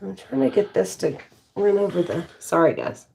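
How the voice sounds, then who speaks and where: A Texan woman talks casually as she works through a craft demonstration. Her voice has plenty of fry and moves up and down in a lively way. Her remarks are short and folksy. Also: mid-range voice, normal speed, a little hiss or hum. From Texas, United States. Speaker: craft live stream host demonstrating painting. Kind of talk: casual chat while working.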